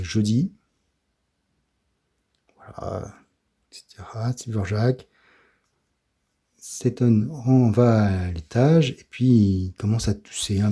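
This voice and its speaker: Soft-spoken husky French man. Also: lowish voice. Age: middle-aged. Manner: hesitant, fills pauses with "euh" and "voilà", often drops to a whisper. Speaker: comic book reviewer. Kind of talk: soft-spoken ASMR comic review.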